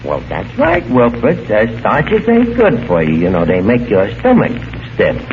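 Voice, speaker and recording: A man's voice: on the low side, wildly swooping pitch, measured pace, narrow, tinny audio, a little hiss or hum, heavily acted. An actor playing a brash, blundering male tavern manager who mangles fancy words, in 1940s radio comedy style, heard through an old AM radio broadcast. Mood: chummy. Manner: folksy, bluffing, fumbles with uh. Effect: old AM radio broadcast sound.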